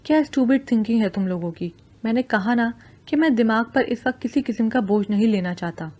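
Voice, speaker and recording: A woman's voice: fairly high pitch, warm tone, natural voice. A woman voicing a curt, aloof young male student who speaks brusquely and impatiently.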